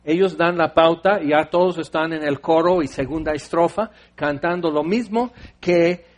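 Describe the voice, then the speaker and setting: A man's voice: a little high, normal speed. A man preaching a sermon in a conversational way, acting out little scenes in different voices.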